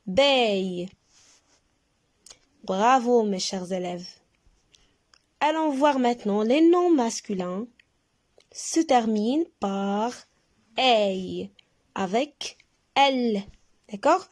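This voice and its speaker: Female primary teacher, rather high voice, extremely slow and deliberate, drawing out each syllable for young pupils to repeat. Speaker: primary school French teacher. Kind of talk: recorded reading lesson for young pupils.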